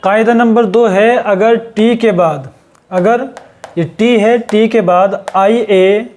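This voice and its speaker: Slow, patient man teaching pronunciation. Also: high-pitched, darkish tone. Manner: slow, spells letters out one by one and repeats each word. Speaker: English teacher. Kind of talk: classroom lesson.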